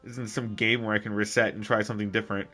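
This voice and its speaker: Young male let's-play host, a bit low and very bright, jokey and rambling, soft game music underneath. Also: little pitch movement, fast. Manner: loud, jokey, rambling, with bursts of shouting. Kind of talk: game commentary and reading dialogue aloud.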